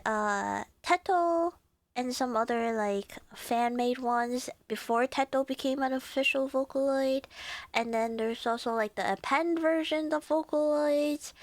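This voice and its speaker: High-voiced giddy woman streamer, congested. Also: dry recording. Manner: giddy, rambling, filler-heavy. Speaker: live streamer. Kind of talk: casual live-stream chat.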